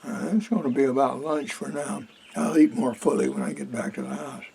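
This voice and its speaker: An older man vlogging quietly from a duck blind while turkey hunting, in a rambling, folksy way. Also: medium pitch, brisk, vocal fry, crowd noise, poor audio. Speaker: hunter vlogger. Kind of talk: casual outdoor vlog.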